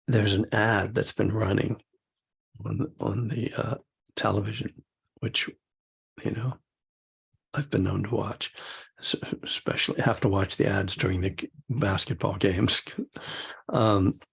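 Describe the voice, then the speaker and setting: A man's voice: lowish voice, fairly even intonation, a little slow, gravelly, long pauses, breathy edge. An older man and meditation teacher gives a rambling, casual dharma talk, chuckling often and full of fillers.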